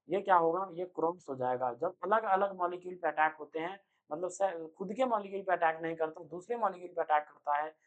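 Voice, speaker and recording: A young man giving an energetic online chemistry lecture, speaking loudly and constantly quizzing his students with quick rhetorical questions. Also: high-pitched. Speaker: chemistry teacher. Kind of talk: online exam-prep lecture.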